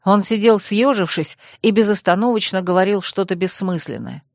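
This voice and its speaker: A woman reading a first-person fantasy novel aloud in an even storytelling manner. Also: mid-range voice, moderate pace, no echo, clean studio sound. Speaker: audiobook narrator. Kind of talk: scripted first-person narration.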